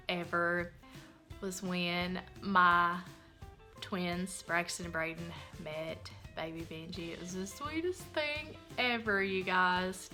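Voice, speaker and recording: A woman's voice: lowish voice, bright, forceful tone. A young woman, a mom vlogger, talking in a casual, earnest and heartfelt way while answering questions. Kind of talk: casual Q&A vlog talk.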